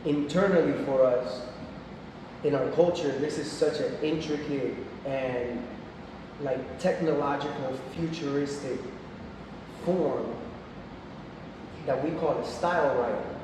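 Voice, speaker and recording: A man's voice: a little high, a little slow, pauses often. A man in his forties from Puerto Rico, casually explaining his art at a gallery talk. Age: 40s. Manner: relaxed, explanatory, with frequent fillers. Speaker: guest artist. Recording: echoey gallery from far off, noisy.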